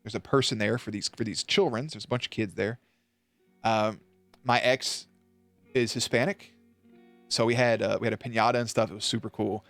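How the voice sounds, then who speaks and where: A man's voice: lowish voice, moderate pace, long pauses, dry recording, soft background music. A young man streaming, telling a rambling story in a loose, profane way and acting out quotes. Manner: loose, profane, animated retelling with acted quotes. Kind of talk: casual storytelling.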